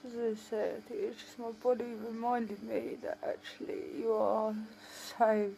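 A woman's voice: fairly high pitch, level tone, moderate pace, vocal fry, warm tone, slight background noise, rough recording. A tired woman talking with a sore, swollen jaw after surgery, in a casual late-night video diary. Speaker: vlogger.

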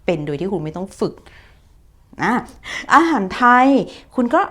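A woman's voice: mid-range voice, big pitch swings, normal speed. Chatty woman teaching English. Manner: chatty and encouraging, talking straight to students. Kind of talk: explaining an online English lesson.

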